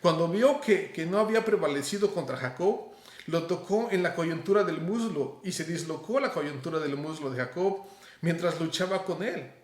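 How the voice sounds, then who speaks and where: A middle-aged man with a Mexican Spanish accent preaching a sermon, conversational and animated, talking straight to the listener. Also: a little high, moderate pace. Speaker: pastor. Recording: roomy echo.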